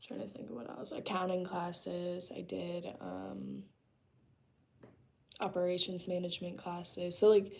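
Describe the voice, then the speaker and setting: This woman from the United States, in her early twenties, speaks unhurriedly in a lowish, creaky, darkish voice with fairly even intonation. While working remotely at home she chats casually with her live chat, her speech loose and full of "um" and "like".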